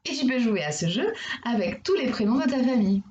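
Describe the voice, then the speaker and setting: A woman's voice: fairly high pitch, lively intonation, a little mellow, muffled recording, slight background noise. A woman with a French accent, a primary school teacher giving a video lesson to young children, speaking patiently and repeating words for emphasis. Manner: slow, patient, addresses the child directly.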